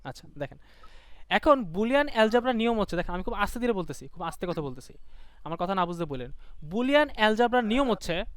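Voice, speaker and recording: Young male tutor, brisk and chatty, questions students, smooth clear voice. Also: sits high, animated, fairly bright tone, dry recording, studio quality. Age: young adult. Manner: quick, colloquial, asks students questions. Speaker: online tutor. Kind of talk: live online class lecture.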